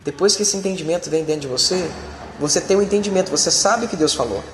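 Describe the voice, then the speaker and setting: Emphatic pastor in an echoey hall. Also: male voice, high voice, expressive, quick pace. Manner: emphatic, colloquial, addresses listeners directly. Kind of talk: sermon. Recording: echoey hall with reverb and faint ambience.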